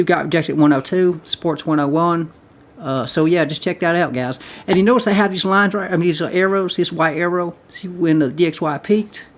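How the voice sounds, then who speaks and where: A man hosting a casual trading video, rambling through chart commentary, repeating himself and calling his viewers guys. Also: fairly high pitch. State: short of breath. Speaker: crypto trading video host.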